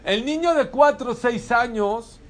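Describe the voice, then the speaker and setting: A man's voice: very high voice, unhurried. A man preaching a sermon as a rabbi, telling stories and asking rhetorical questions with animation.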